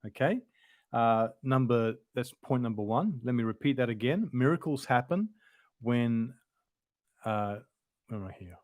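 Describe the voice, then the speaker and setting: Male Bible teacher, mid-pitched, conversational and explanatory, close dry sound. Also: lively intonation, measured pace, darkish tone, no room sound. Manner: informal, explanatory, thinks aloud. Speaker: Bible lesson presenter.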